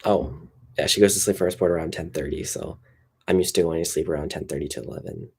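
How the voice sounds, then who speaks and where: A young man chats on a livestream, sounding tired and relaxed as he rambles with lots of fillers. He has a low, husky voice and talks fast.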